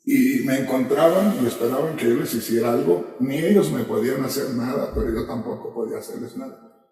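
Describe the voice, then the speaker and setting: A gravelly, dark-voiced man preaches his testimony with fervor, his voice swelling into cries as he retells his prayers. He is caught by a distant mic in a long-echoing church hall. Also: mid-range voice, expressive, a little fast. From Mexico. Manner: impassioned storytelling, voice rising to cries in quoted prayers. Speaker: pastor. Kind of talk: personal testimony in a sermon. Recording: echoey hall from far off.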